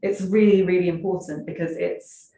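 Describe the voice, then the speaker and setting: A woman with a lowish voice talks with fluent, emphatic conviction. Her words land in a roomy, echoing space, as if the mic is set well back from her, with a faint hiss beneath. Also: fairly even intonation, normal speed, mellow. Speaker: guest speaker. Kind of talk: conversational discussion. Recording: echoey distant mic with faint noise.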